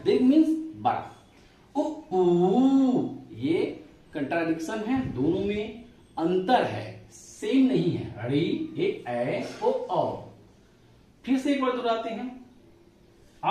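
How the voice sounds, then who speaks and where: A man's voice: high voice, darkish tone. A male teacher giving a spoken lesson step by step. He repeats sounds for his listeners to say back and stretches vowels to show long and short ones. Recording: very echoey room, voice from a distance.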